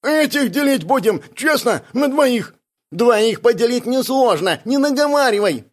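Guy putting on a high shouty brawler dude, touchy and bragging, voice leaping all over. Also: animated, unhurried. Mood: indignant. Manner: shouty, boastful, hot-tempered. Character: brash loud male brawler buddy, touchy.

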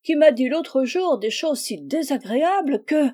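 A woman's voice: mid-range voice, animated, normal speed, warm tone, natural voice. A woman reading aloud, voicing a proud, touchy provincial spinster who plays hostess, in a prim, affronted manner. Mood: offended.

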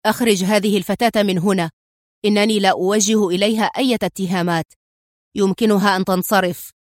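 A man's voice: high voice, brisk, no room sound, close to an everyday voice. Woman reading short-tempered male police inspector, scolding, chain-smoking, storybook character, dead-dry sound. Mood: irritable. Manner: irritable, sharp, scolding.

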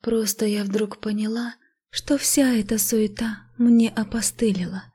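A woman voicing a listless, melancholy fifteen-year-old village girl who speaks flatly and half in a whisper, in a storybook reading. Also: medium pitch, a little slow, breathy edge. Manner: flat, emotionless, half-whispered.

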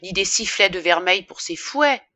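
A woman's voice: mid-range voice, animated, a little slow, no echo. A woman voicing a desperate young wife pleading with her former lover, in a dry audiobook reading. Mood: bitter reproach. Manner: pleading, rising and forceful when upset. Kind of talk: audiobook character voice.

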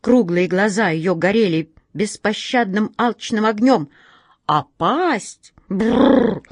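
A woman's voice: medium pitch, takes it slowly, no echo. A woman narrating a children's story expressively, speaking directly to her listeners.

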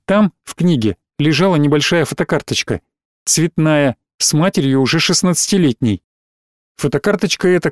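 A man reads an audiobook in a calm, measured way. His voice is somewhat high for a man. The recording is dry and close, with no room echo. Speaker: narrator. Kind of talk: audiobook narration.

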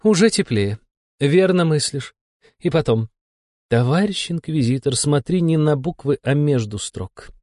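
Guy doing a husky grumpy lady demon boss, way higher than his normal voice, sarcastic drawl, audiobook. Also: animated, a little slow, a little mellow, dry recording, studio quality. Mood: irritated mocking. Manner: irritated, mocking, drawling. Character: weary sarcastic female demon supervisor, bossy. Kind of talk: audiobook character voice.

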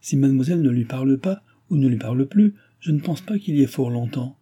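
A man's voice: medium pitch, animated, a little fast, dark tone, breathy edge, voice pushed up. A man doing a defiant young chambermaid. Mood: needling. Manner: insolent, needling. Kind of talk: audiobook character voice.

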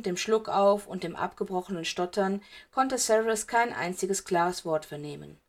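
A woman reading fan fiction aloud in steady, even storytelling narration. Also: medium pitch. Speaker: audiobook reader.

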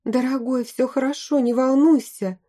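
A woman's voice: high voice, steady tone, normal speed, mellow, voice pushed up. A woman voicing a young pregnant wife who chatters nonstop and protects her husband. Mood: protective.

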